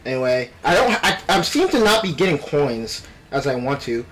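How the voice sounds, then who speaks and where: A man giving animated, playful gameplay commentary with exclamations and trash talk, speaking with a retainer in his mouth. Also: medium pitch, normal speed, soft background music. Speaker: gaming video host. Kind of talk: excited live gameplay commentary.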